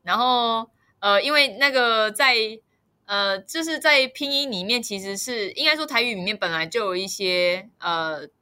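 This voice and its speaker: A young woman with a Taiwanese Mandarin accent, co-hosting a podcast in a casual chat, laughing often and filling pauses with hesitations. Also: fairly high pitch, bright, forceful tone, clean tone. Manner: chatty, laughs often, many hesitant fillers. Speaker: podcast co-host.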